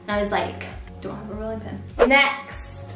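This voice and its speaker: A bubbly, giggly vlogger in her twenties shows off her shopping at home in the living room, keeping the haul chat casual. She speaks at medium pitch and normal speed. The recording is reverberant with music playing in the background.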